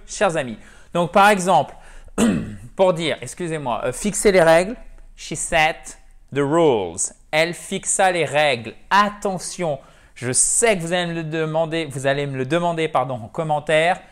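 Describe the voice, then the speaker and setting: Friendly language teacher talking to viewers, upbeat and chatty, slows down to spell stuff out. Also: medium pitch. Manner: lively, chatty, often addresses viewers directly; spells and repeats words slowly for teaching. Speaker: English teacher. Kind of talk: video lesson explaining vocabulary.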